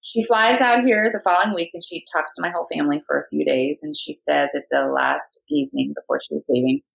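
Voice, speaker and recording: Low-voiced woman guest on a podcast, bit gravelly, telling a story in a chatty way. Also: fairly quick, low-quality recording. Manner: lively anecdotal storyteller, laughs often. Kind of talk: storytelling in conversation.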